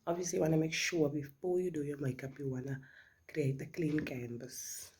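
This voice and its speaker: Speaking at normal speed in a low, darkish voice, a middle-aged South African woman talks casually through her makeup for a vlog, regularly falling into a whisper. She uses South African English, though Afrikaans is her first language. Slight background noise is present.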